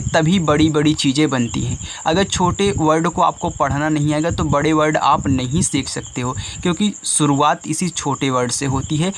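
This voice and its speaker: A man teaches young children a reading lesson in a patient, step-by-step way, asking a question and then answering it. His voice sits a little higher than most men's. Faint insect and cricket sounds run underneath the recording. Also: a little hiss or hum.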